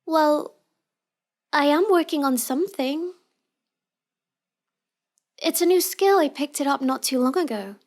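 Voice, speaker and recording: For an intimate roleplay audio, a woman voices a shy, sweet young villainess who pretends to be helpless, speaking haltingly and apologetically. Her high voice has lively intonation and a darkish tone, and the mood is sweet yet guarded.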